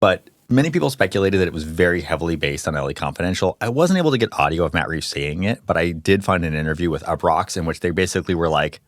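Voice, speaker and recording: A man co-hosting a casual film podcast debate, animated and quick to laugh, with some swearing. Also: low-pitched, no echo, studio quality. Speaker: podcast co-host.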